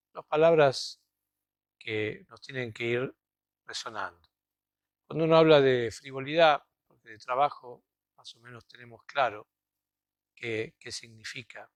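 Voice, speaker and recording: In a cathedral, a man delivers a sermon in Argentine Spanish, his mid-range voice captured in a dry recording. The homily is reflective and conversational, and he often checks in with tags such as "¿no?" and "¿vieron?"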